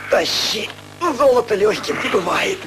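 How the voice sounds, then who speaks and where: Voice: medium pitch, measured pace, distant mic, music in the background, lightly acted. An older actor playing a greedy, scheming old man in a theatrical comedy film, bossy and wheedling by turns. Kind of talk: theatrical comic film acting. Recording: noisy, humming old film soundtrack.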